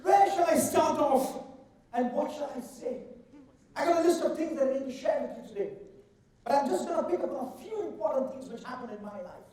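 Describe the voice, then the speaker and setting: A man's voice: extremely high pitch, dark tone. Echoey Indian man giving a humorous speech. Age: middle-aged. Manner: theatrical, deliberate delivery with drawn-out emphasis. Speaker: contest speaker. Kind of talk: humorous rehearsed speech to an audience. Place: large indoor event hall. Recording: echoey hall, far from the mic.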